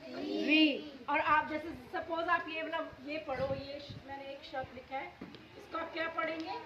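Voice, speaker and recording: High voiced lady teacher asking the class stuff over and over, echoey room full of kids. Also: steady tone, normal speed, crowd noise. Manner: questioning, corrective, repeats words for the class. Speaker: primary school teacher. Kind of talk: classroom Hindi lesson. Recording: dull echoey classroom with children. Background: children in class.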